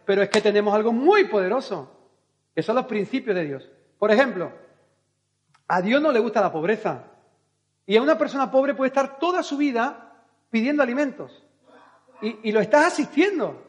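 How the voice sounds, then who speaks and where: A man's voice: very high-pitched, highs cut off. A male pastor with a Spain Spanish accent preaching a fervent sermon at a church service, full of rhetorical questions.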